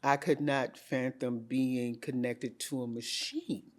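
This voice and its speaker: A middle-aged woman, an interview guest, telling her story in a candid, animated way and quoting herself with emphasis. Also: rumbling low, slow.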